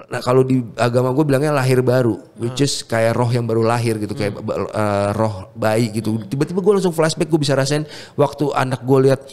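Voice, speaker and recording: A man's voice: mid-range voice, steady tone, a little fast, few pauses, a little mellow. A man, guesting on a casual chat show as a music producer. His voice sits in a plain middle register. He talks with fervor and animation, and he mixes English words into his slang. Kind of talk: emotional personal testimony in casual chat.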